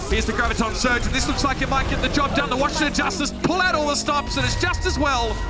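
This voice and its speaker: A high-voiced man calls a competitive game play by play. His delivery is excited and rises toward a yell at key moments. Loud music runs underneath his commentary. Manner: raises voice to a yell at big moments.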